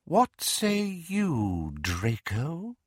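A man voicing a cold, cruel male dark wizard lord in an audiobook, speaking quietly with slow, drawn-out menace. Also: a little high, huge pitch swings, breathy edge, no echo, studio quality, voice pushed up, full character voice. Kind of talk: audiobook character voice.

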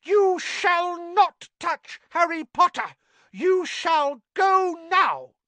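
Squeaky little house elf, shrill and excited, way up high, dry close sound. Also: male voice, very slow, no echo, exaggerated voice. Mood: fierce.

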